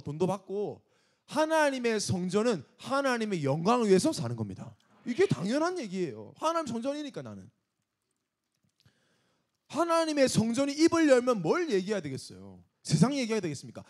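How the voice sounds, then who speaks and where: A man's voice: high-pitched, darkish tone. A man preaching an emphatic sermon to young adults as pastor, scolding and asking rhetorical questions.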